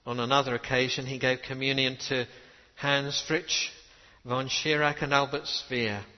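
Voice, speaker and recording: A man's voice: medium pitch, steady tone, a little slow. A man delivering a sermon, telling a story earnestly and quoting old letters with emphasis. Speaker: preacher. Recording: dull reverberant hall recording.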